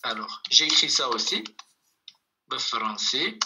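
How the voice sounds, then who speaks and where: A language teacher giving an online lesson over a video call, patiently repeating words slowly for students. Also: mid-range voice, sharp tone, a little hiss or hum, rough recording.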